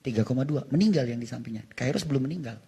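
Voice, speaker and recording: A man sharing an emotional testimony, animated, often shouting and laughing as he tells his story. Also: medium pitch, racing, slightly rough.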